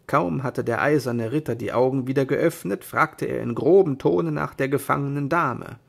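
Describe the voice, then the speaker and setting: A man reading an old fairy tale aloud in a measured storybook manner. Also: medium pitch, gravelly.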